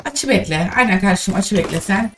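A woman's voice: medium pitch, lively intonation, fairly quick. A young woman streaming a mobile shooter, commenting live in exasperated, scolding remarks. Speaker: game streamer. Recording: distant mic with game noise.

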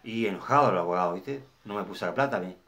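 A man's voice: deep voice, quick pace, a bit bright. Man telling a story. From Argentina. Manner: rambling, repeats himself, asks viewers if they follow. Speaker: channel host. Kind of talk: personal storytelling to camera.

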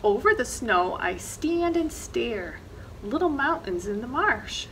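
A middle-aged woman reads a children's picture book expressively during library storytime, seated in an indoor reading corner. She sounds a little high and a bit bright, with a slow, sing-song delivery and dramatic weight on action words. The low-quality recording carries a little hiss or hum.

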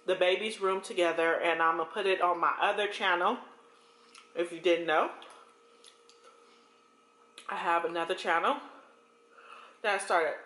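American woman eating and talking, super slow casual chat, chewing, echoey kitchen, forks clinking. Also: fairly low pitch, a bit bright. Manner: chewing and eating while talking, in broken phrases. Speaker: mukbang host and vlogger. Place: home kitchen, indoors. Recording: roomy kitchen echo. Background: cutlery and dish clinks.

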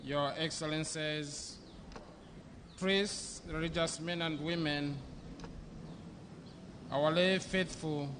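Slow-speaking bishop at a podium. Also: male voice, fairly high pitch, fairly even intonation, background noise. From Zambia. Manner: slow, measured delivery in short phrases. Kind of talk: sermon. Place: outdoor covered church venue. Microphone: podium microphone.

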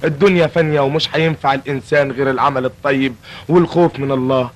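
An actor playing a put-upon young shop clerk who talks himself out of dying, with quick comic patter and an Egyptian accent. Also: male voice, mid-range voice, fairly even intonation, slight background noise, natural voice, low-quality recording. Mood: preachy. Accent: Egyptian Arabic.

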